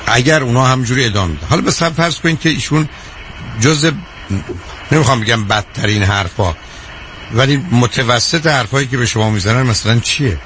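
A man hosting a call-in advice show on the radio, talking to callers frankly, calmly and directly. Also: medium pitch, slight background noise.

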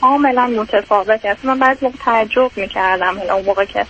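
A woman's voice: medium pitch, a bit bright. A woman in her thirties calling in over the phone, explaining her marriage troubles in hesitant, rambling sentences. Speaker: caller. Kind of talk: phone-in about marriage problems. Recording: muffled phone line with faint hiss.

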